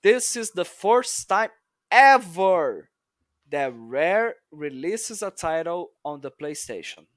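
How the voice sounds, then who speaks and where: A man's voice: sits high, sing-song, slow, fairly bright tone, dry recording, studio quality. A man on a gaming podcast panel, leading the topic and telling it like a story in casual chat. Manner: leads the topic, storytelling with restarts.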